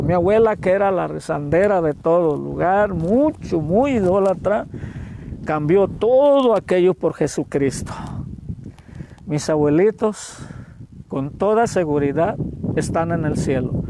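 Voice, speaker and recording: A man in his sixties with a Mexican accent, preaching a sermon as an evangelist and telling a story with feeling, booming at some moments and going hushed at others. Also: background noise. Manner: emotional storytelling, swings between loud exclamations and hushed words.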